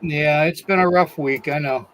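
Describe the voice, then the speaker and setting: A man's slightly high, fairly bright voice moves at a normal speed as he hosts a live-stream podcast. He reads out a long disclaimer and then welcomes chat viewers one after another by name, remarking that he's losing his voice.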